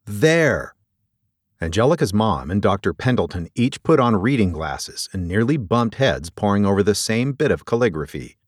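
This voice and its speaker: A man narrating a story in an expressive storytelling delivery. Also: on the low side, normal speed, few pauses, no room sound, clean studio sound. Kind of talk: audiobook narration.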